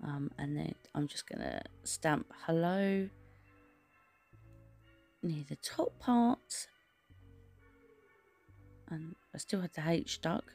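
A woman's voice: sits low, expressive, takes it slowly, creaky, pauses often, a little mellow, soft background music. A woman giving a chatty, rambling voice-over for a nail art tutorial, full of fillers and restarts.

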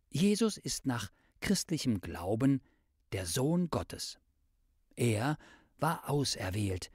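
A man narrating a scripted explanation for children, deliberately and with dramatic pauses. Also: medium pitch, a little mellow, breathy edge, no echo, studio quality.

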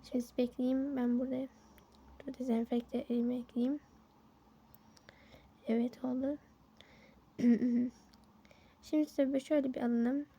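A woman voicing a quiet, formal doctor. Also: sits high, little pitch movement, unhurried, long pauses, slightly rough, muffled recording, heavily acted. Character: polite, businesslike clinic doctor. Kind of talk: toy-game story role-play.

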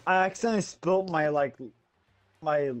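A man's voice: on the high side, normal speed. A drunk man chatting loosely with friends while gaming, rambling and stumbling over his words. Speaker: gamer playing with friends online. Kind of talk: casual chat while gaming.

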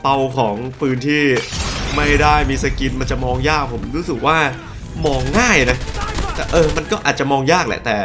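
A young man giving lively commentary while he plays a shooter game, breaking into excited exclamations. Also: medium pitch, normal speed. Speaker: gaming YouTuber. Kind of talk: live gameplay commentary. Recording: game music and gunfire behind.

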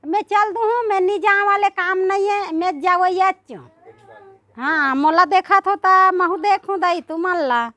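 A woman with a Chhattisgarhi accent talks homely and warmly to her followers, going over the same points again and again. Her voice sits very high and sounds bright and sharp. The recording is dry and close, with no room sound. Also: unhurried, dry recording. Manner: homely, affectionate, repeating herself. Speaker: vlogger. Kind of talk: casual chat to followers.

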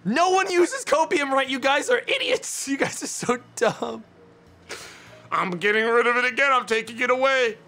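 A man in his twenties talks casually to his stream chat from a small dim room. He rants with mock indignation and swears freely. His voice sits high and bright, with faint music underneath. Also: lively intonation, normal speed. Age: 20s.

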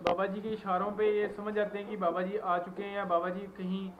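A man's voice: high voice, completely flat delivery, a little fast, very noisy. A man hosting a farm vlog, interviewing a breeder in a casual, eager way and repeating polite agreement often. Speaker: vlogger host interviewing a breeder. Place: outdoor poultry farm. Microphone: phone camera. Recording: muffled phone audio with roosters and people nearby.

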